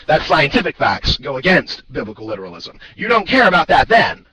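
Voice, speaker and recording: A man building a pedantic argument against an opponent in a video debate. He talks very fast with a bright, sharp edge. His delivery is lecturing and point-by-point. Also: a little high, huge pitch swings, slightly rough, low-quality recording.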